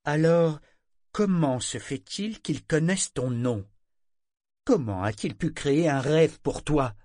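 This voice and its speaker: A man voicing a stern elderly grandmother who speaks gravely and deliberately in an audiobook. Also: on the low side, no room sound, studio quality. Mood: scolding.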